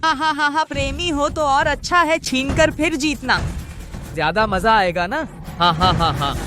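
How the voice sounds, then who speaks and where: An actor playing a leering, gloating rich villain who mocks and taunts, in dubbed drama acting. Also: male voice, sits high, expressive, a little slow, over music. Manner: cackling, mocking, taunting. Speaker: lecherous rich suitor.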